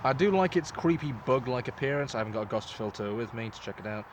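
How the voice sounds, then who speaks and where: A man's voice: medium pitch, lively intonation, fast talker, background noise. A man giving a casual, informal product review as the host, talking in a loose, sweary way. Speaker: host reviewing gas masks.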